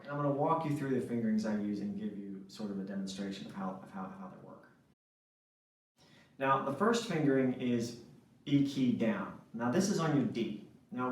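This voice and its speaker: A man teaching a saxophone lesson, explaining step by step and often checking in with "right?". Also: medium pitch. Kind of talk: instructional lesson. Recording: echoey room, mic at a distance.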